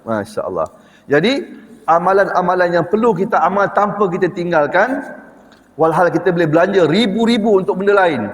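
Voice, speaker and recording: A middle-aged man giving an evening lecture in a mosque, talking animatedly and putting rhetorical questions to his listeners. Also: high voice. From Malaysia. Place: mosque prayer hall. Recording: echoey mosque hall reverb.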